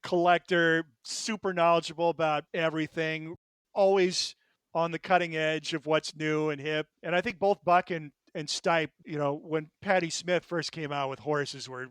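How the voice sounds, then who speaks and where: A man's voice: fairly high pitch, fairly bright tone, smooth, dry recording, clean studio sound. A man co-hosting a music podcast, talking casually and eagerly about bands and records. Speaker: podcast co-host.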